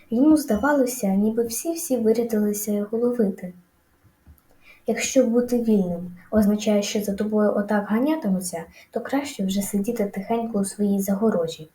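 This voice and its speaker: A woman reading a children's story aloud in a lively, expressive way. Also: medium pitch, brisk, echoey room, low-quality recording. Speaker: audiobook reader. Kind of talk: storybook narration.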